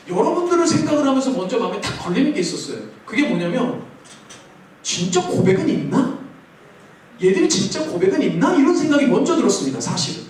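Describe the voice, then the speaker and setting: A man's voice: extremely high pitch, distant mic. Youth pastor guy preaching to teens, playful q&a, super echoey big hall, a bit of room noise. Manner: playful, asks the kids questions and answers himself. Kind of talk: sermon to teenagers. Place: large church hall.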